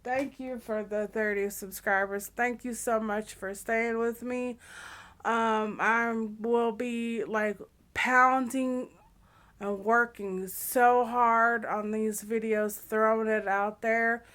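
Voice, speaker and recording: Slow-talking woman with heavy breathing. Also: fairly high pitch, fairly even intonation, a bit bright. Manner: apologetic, informal. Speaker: gaming video creator. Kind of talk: casual vlog update.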